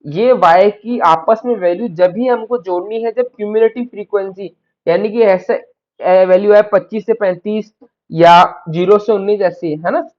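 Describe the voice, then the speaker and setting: A man's voice: high voice, normal speed, lo-fi sound. A man teaching a math lecture, explaining step by step and often checking in with his students. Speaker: maths tutor.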